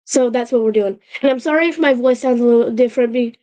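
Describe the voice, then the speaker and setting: This channel host's warm, fairly high voice is slightly affected by a healing sore throat as she runs a relaxed livestream. She speaks in fits and starts, restarting sentences and turning to her chat often. The sound is lo-fi.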